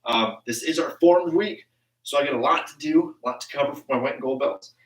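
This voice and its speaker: A man's voice: fairly high pitch, a little fast. A young man teaching a martial arts class over a live stream from his home basement, talking casually with lots of ums. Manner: casual, chatty, many ums. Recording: echoey room, far from the mic.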